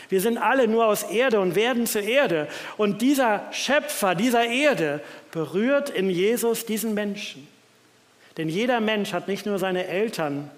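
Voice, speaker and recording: A man gives a sermon with a fairly high voice and a reflective manner, reading scripture passages aloud. His words ring out with a long reverb from the church around him. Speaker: preacher.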